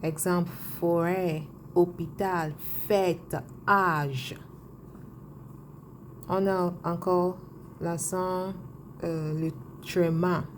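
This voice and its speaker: A woman teaching a French lesson, spelling out sounds and repeating examples slowly. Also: lowish voice, fairly even intonation, slight background noise. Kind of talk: language lesson.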